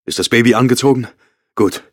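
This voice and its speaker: A man's voice: mid-range voice, brisk, no room sound, clean studio sound, voice pushed up, lightly acted. A man voicing a nervous young husband who gives hissed, urgent orders in an audiobook reading. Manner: hissing, urgent and clipped. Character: nervous, driven young husband fleeing at night.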